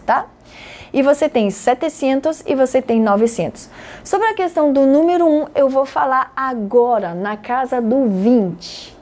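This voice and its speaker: A woman from Brazil teaching an online lesson, explaining lively and repeating words for emphasis. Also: a little high. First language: Portuguese. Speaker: Spanish teacher.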